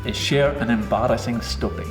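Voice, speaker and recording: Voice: medium pitch, moderate pace. A youth leader chatting casually as co-host, rambling and trailing off mid-thought. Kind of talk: casual chat on a challenge show. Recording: echoey hall with background music.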